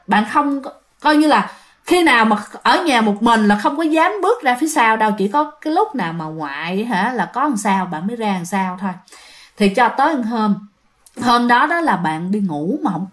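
A woman narrating a ghost story, animated and talking directly to her listeners. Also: fairly high pitch.

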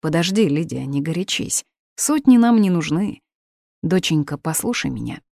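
A woman reading the part of a middle-aged father, measured and firm, in a dry, close recording. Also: sits low, lively intonation, creaky, mellow, dry recording, full character voice.

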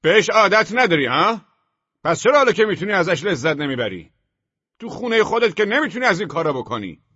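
A brash, overbearing man yelling high and wild, swinging his pitch all over, as a male narrator puts him on. He mocks and bullies. The storybook recording sounds a little dull and lo-fi. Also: big pitch swings, slightly rough, heavily acted. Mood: mocking. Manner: shouting, mocking, overbearing. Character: loud brash bullying male neighbor Scope.

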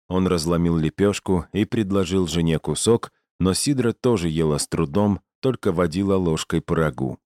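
Male audiobook narrator, very deep voice, dry close recording, measured reading. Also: a little mellow, no room sound. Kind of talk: scripted narration.

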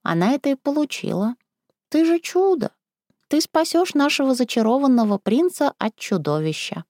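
A woman's voice: high-pitched, sing-song, moderate pace, a little mellow, no echo, studio quality, pitched above the performer's own voice. A woman reading a storybook and voicing a crafty, rude old village woman who flips between sugary coaxing and coarse scolding. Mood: sweetly flattering. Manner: sing-song sugary then snapping, coarse.

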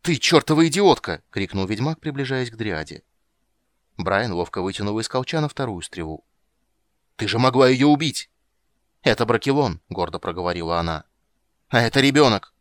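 A man reading an audiobook and voicing a gruff male witcher who asks curt, scolding questions. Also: low voice, expressive, brisk, dry recording. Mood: angry. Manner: sharp, blunt, irritated questioning. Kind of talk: audiobook character voice.

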